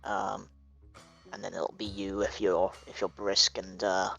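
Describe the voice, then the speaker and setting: A man with a fairly low voice runs a tabletop game as dungeon master. He narrates casually and hesitantly, with lots of ums and likes. Faint music plays behind him. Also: monotone, unhurried, gravelly, a bit bright. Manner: hesitant, many fillers.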